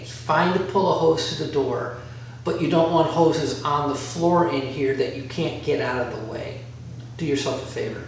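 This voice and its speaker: A man giving a casual instructional walk-through, rambling a little as he thinks aloud. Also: fairly high pitch. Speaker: DIY vlogger. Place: bare concrete-floored workshop room by a garage. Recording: very echoey room, distant mic, faint noise.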